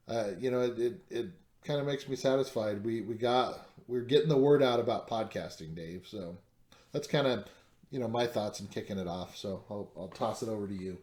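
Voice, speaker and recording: A man's voice: on the low side, a little mellow, roomy sound. A man co-hosting a podcast in casual chat, rambling with lots of fillers and restarts. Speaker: podcast co-host.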